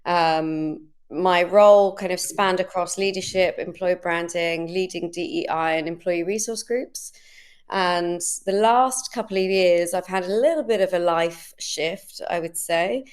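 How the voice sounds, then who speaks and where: A woman's voice: on the low side, a little slow, clean tone. A woman, introducing herself as a panel guest in an open, thoughtful way over a video call. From London, England. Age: 30s. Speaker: community founder, panel guest. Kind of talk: casual self-introduction.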